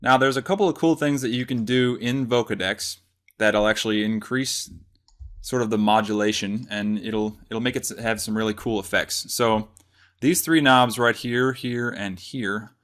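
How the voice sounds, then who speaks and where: This casual software tutorial comes from a man with a fairly low voice, who explains each step in a laid-back, conversational way.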